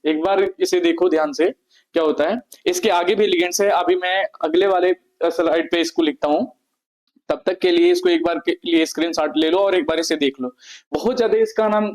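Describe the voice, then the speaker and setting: A man gives a board lecture on chemistry, his voice sitting a little high. He repeats every term and poses questions that he answers himself. He sounds like a teacher talking his students through a slide. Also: a little mellow, low-quality recording.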